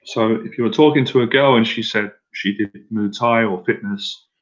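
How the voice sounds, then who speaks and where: The audio is dull as a man with a lowish voice, speaking at a moderate pace, runs a live stream on talking to women. This dating confidence coach is casual and direct, says things more than once, and prompts viewers to type answers in chat.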